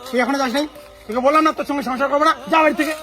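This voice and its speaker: A man's voice: extremely high pitch, fairly even intonation, pushed and bright, soft background music. A man playing a fussy father-in-law in a comic family sketch, lecturing his daughter-in-law and then snapping at his son. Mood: scolding. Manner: lecturing, then quick to snap.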